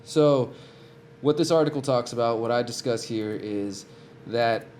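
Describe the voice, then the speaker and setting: An American man with a cold hosts a weekly live stream, speaking unhurriedly in a medium-pitched, darkish voice with slight background noise. His casual commentary is earnest and addressed straight to viewers, and he frequently restarts his sentences.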